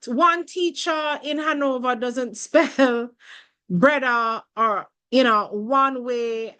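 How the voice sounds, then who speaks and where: A woman giving a webinar talk over a video call, deliberate and often repeating words as she finds her phrasing. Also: high-pitched, fairly bright tone, clean tone, rough recording. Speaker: guest speaker. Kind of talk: webinar talk answering a question.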